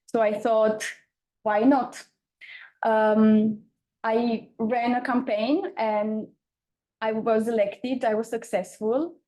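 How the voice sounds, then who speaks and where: A young woman from Romania with an Eastern European accent, giving an informal conference talk with frequent hesitant pauses. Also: a little high, mellow. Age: young adult. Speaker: campaigner, panel speaker.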